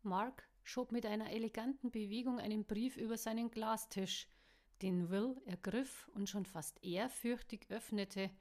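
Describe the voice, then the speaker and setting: A woman calmly narrating a story chapter, reading it aloud in an even way. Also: on the high side, a little slow.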